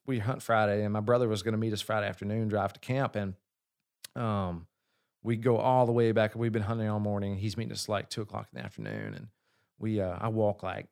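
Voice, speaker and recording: A man, a singer, telling a long story in casual chat, with frequent swearing and lively asides. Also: fairly low pitch, vocal fry, clean tone. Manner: profane, animated storyteller. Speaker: singer and guest.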